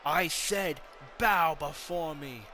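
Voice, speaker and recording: A man's voice: a little high, pushed and bright, soft background music. A man playing an arrogant wrestling champion. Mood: boastful, commanding. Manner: boastful, commanding, drawn-out emphasis. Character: arrogant male wrestling champion, boastful, domineering. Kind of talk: hobby wrestling storyline role-play.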